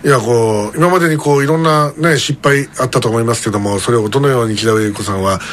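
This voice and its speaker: A man hosting a radio talk show, telling stories in a lively, comedic style with music behind him. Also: mid-range voice, fast talker, slight background noise. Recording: background music under the voice.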